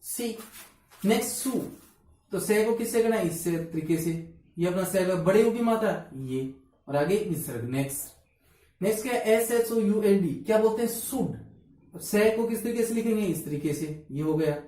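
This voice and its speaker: Woman teacher, phonetics drill, mellow voice, self-answering questions, distant mic in an echoey room. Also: medium pitch, animated, normal speed. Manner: asks questions and answers them herself, spells letters out. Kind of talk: phonetics lesson.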